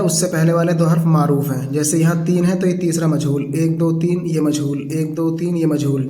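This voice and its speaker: A man's voice: on the high side, warm tone, reverberant. A man teaching a reading lesson, patiently explaining and sounding out syllables one by one.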